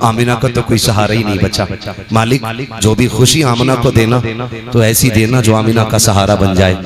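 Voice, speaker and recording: A man preaching a devotional sermon in an impassioned way, building to shouted climaxes. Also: fairly low pitch, steady tone, normal speed. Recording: loud crowd around a live stage talk.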